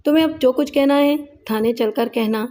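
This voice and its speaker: A woman's voice: sits high, warm tone, natural voice. Stern scolding police inspector, read by a woman. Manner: commanding, scolding. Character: stern male police inspector, gruff and scornful.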